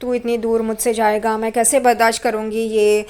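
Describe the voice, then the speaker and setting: A woman voicing a doting mother from a TV serial who fusses over her grown son in a high voice, without much change from her own voice. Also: little pitch movement, moderate pace, a little mellow, close to an everyday voice. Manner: anxious, doting, full of questions.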